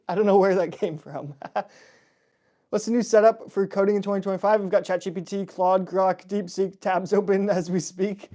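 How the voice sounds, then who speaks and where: On a casual livestream, a young host reads questions from his viewers' chat aloud and answers them. He has a warm voice that sits high, and his laid-back, talkative style includes frequent laughs and filler words.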